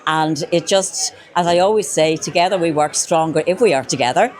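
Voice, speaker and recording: A woman's voice: sits low, a little fast. A woman, an event organiser giving an interview on location outdoors. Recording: outdoors with busy crowd behind.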